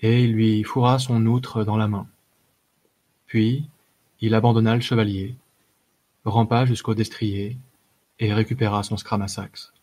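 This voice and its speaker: A man narrating a fantasy short story as an audiobook reader, measured, with the odd hesitation. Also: lowish voice, little pitch movement, warm tone. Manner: measured reading with occasional filler hesitations.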